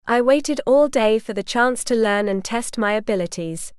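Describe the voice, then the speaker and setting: A woman narrating a first-person audiobook with wry, lively delivery. Her voice is smooth and resonant, a little higher than most, recorded dry and close with no room sound. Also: normal speed, no room sound.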